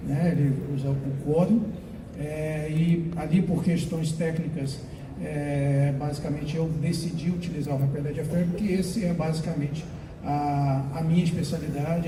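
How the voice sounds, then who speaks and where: A man speaking at a panel, talking with many hesitations and fillers. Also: a little high. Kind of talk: panel talk. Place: conference hall. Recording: echoey room, far from mic, noisy.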